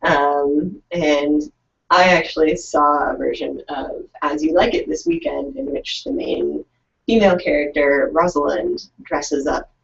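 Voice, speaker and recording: A woman's voice: sits low, animated, a little slow, creaky. A young woman co-hosting an online writing event in casual chat, laughing often and reading comments aloud. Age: young adult. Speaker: co-host of an online write-in. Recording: distant mic, dull lo-fi sound.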